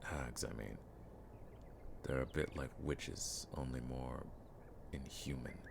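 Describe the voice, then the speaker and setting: In this fantasy audio roleplay, a male performer plays a veteran monster hunter whose very deep, gravelly voice barely rises or falls. Wry and scornful here, he stays measured, world-weary yet friendly, with old-fashioned phrasing and an exaggerated delivery. There is clear ambience behind him over a noisy background.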